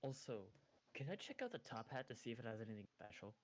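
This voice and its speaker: A man's voice: medium pitch, very animated, fast talker. A young man playing a tabletop game, chatting in a jokey, crude way. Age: young adult. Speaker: player. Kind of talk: casual tabletop game chat.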